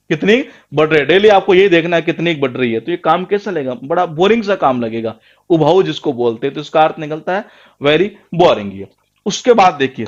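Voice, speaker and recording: A man's voice: on the high side, lo-fi sound. Hindi-speaking male tutor quizzing himself. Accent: Rajasthani Hindi. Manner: rhetorical questions, answers them himself; repeats words for emphasis. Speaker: English teacher for exam prep. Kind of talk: classroom lecture.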